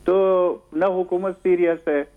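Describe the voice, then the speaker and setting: A man who is a guest analyst on a talk show, speaking in a measured way with many hesitations and fillers. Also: high-pitched, fairly even intonation. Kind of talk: studio talk show discussion. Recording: tinny phone-line sound.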